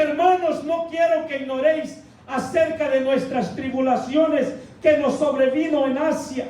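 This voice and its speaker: A man's voice: very high voice, a little mellow, recorded from a distance. A male Pentecostal pastor preaching a fervent sermon, often calling out to the congregation as brothers and crying hallelujah. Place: church. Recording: echoey hall miked from afar, faint noise.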